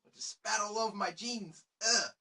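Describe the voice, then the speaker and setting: A man's voice: moderate pace, gravelly, exaggerated voice. A man mimicking a manic, whooping rock frontman. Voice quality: high, loud, whooping. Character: manic young male rock frontman shouting to a crowd.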